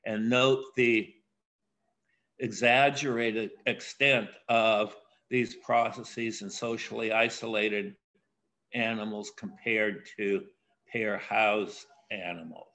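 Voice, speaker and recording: An older man giving a keynote academic lecture, speaking in a measured way with frequent pauses and filler sounds. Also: fairly low pitch, steady tone, pushed and bright. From USA.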